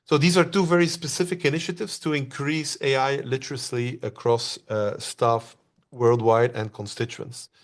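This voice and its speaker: A Belgian man gives an online presentation in a loose, conversational style, pausing often with "uh" and putting questions to his audience. His voice is medium-pitched with a steady tone.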